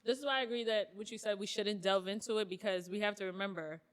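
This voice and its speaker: A woman's voice: mid-range voice, fairly even intonation, fast. A woman speaking in a casual roundtable podcast with an earnest, emphatic manner. She leans on scripture to back her point and keeps coming back to it.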